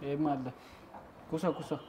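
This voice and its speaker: A man, calm and reassuring in a comic prank skit. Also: fairly high pitch, moderate pace, a crowd in the background.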